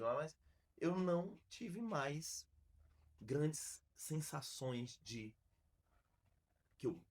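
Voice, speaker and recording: A man from Brazil, a podcast host, telling a story in a casual, slangy, animated way with many restarts. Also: medium pitch.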